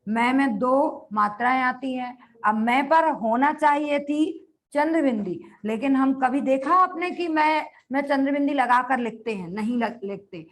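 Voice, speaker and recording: Woman, teacher, high voice, slow dictation, repeats phrases, asks and answers questions. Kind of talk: dictating a grammar lecture.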